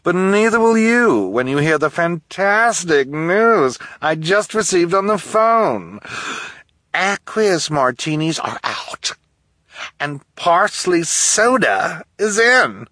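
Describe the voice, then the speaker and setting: A man's voice: sits high, sing-song, slow, bright, forceful tone, dry recording, pitched above the performer's own voice, full character voice. A man voicing a fashion-obsessed, bossy woman who talks impatiently and haughtily, reading a storybook.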